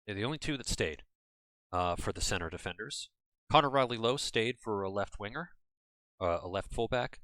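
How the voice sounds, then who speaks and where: Speaking at a normal pace in a fairly bright voice on the low side, with no echo, an American gaming channel host rambles through casual at-home let's-play commentary, chatty and quick to correct himself.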